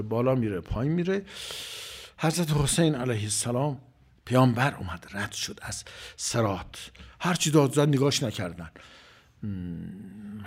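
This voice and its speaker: A man preaching a sermon, moving from loud, emphatic phrases to near-whispers. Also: medium pitch. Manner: dramatic swings from loud to whispered.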